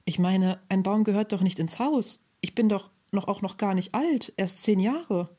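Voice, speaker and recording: Lady reading a story doing a shy talking fir tree, soft rustly voice, dark and mellow, polite. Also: mid-range voice, normal speed, husky, close to an everyday voice. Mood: worried. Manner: polite, pleading.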